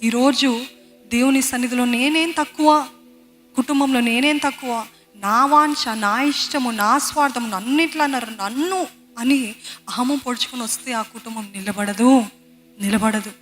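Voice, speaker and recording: A woman's voice: on the high side, normal speed, fairly bright tone, faint music behind. A woman preacher giving an earnest, pleading sermon, acting out prayers and slipping into English.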